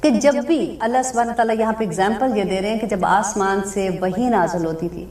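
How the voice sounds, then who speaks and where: A woman's voice: medium pitch, a little mellow, distant mic. Woman preaching in a roomy hall. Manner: translates verses phrase by phrase, slow and deliberate; explains with everyday examples. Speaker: Islamic speaker. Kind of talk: religious lecture with Quran commentary.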